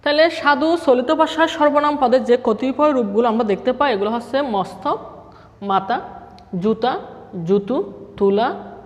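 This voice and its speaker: A man's voice: very high-pitched, moderate pace. A male school teacher gives a classroom lecture, reading out word lists item by item and answering his own questions. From Chittagong, Bangladesh. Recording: long reverb of a hard room.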